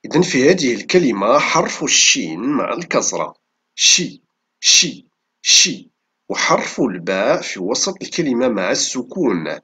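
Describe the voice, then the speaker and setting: A male teacher dictating a spelling lesson in a forceful, bright voice with lively swings of pitch. He repeats words and syllables deliberately, breaking them down piece by piece for learners. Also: husky. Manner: instructional, enunciating syllable by syllable. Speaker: Arabic reading and spelling teacher.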